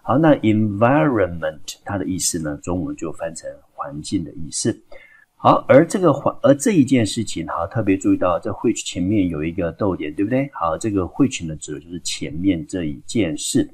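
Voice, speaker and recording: Taiwanese guy teaching high school english, real deep voice, kinda husky, patient. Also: sing-song, normal speed, a little mellow. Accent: Taiwanese Mandarin. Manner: patient, starts phrases with a filler. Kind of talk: explaining a textbook lesson.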